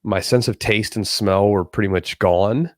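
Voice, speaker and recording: A man's voice: on the low side, moderate pace, dry recording, studio quality. A man hosting a podcast in a casual, rambling, off-the-cuff way, with a slightly congested, nasal voice that often repeats itself. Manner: rambling, conversational, repeats himself. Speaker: podcast host.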